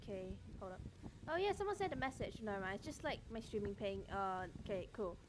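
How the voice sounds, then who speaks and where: A woman's voice: mid-range voice, animated, fairly quick, noisy background. A young woman chatting casually on an art livestream in a playful, teasing manner. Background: background music.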